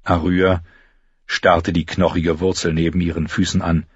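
A man narrating an audiobook in a steady, measured storytelling manner, with a husky voice. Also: sits low, no room sound, lo-fi sound.

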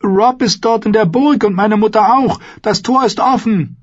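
A man reading an audiobook voices a stubborn, desperate young girl with high, shrill cries. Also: steady tone, normal speed, darkish tone, slightly rough, dry recording, muffled recording. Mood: desperate pleading.

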